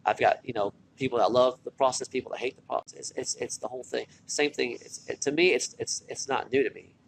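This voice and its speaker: Speaking fast in a creaky, medium-pitched voice, a former military recruiter turned online marketer records a motivational vlog in a hospital hallway. Worn out from little sleep, he's casual and earnest and repeats points for emphasis. The audio is low quality, with faint hospital ambience.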